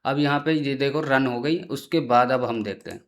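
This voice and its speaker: A man's voice: mid-range voice, moderate pace. A man hosting a casual screen-recorded tutorial, chatty and often checking in with the viewer. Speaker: tutorial host.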